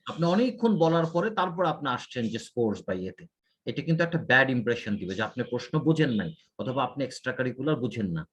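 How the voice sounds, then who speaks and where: A man's voice: medium pitch, sing-song, quick pace, slightly rough. A man, an IELTS tutor going through a student's mistakes point by point. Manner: corrective, explains mistakes point by point. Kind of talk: one-on-one feedback lesson.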